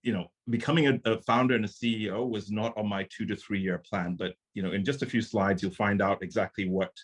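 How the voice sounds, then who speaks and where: A man's voice: lowish voice, fairly even intonation, fairly quick, breathy edge. A man from Zimbabwe, a startup founder and CEO, giving an earnest, conversational conference presentation over a video call.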